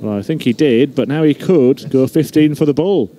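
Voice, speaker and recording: A man delivers live darts commentary in a mid-pitched, mellow voice. There is faint noise behind him as he follows the play. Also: moderate pace.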